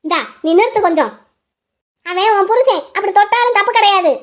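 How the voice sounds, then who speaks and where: A woman voicing a sharp-tongued, bossy mother-in-law in a cartoon, scolding as she talks. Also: very high voice, fairly quick. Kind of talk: cartoon voice acting.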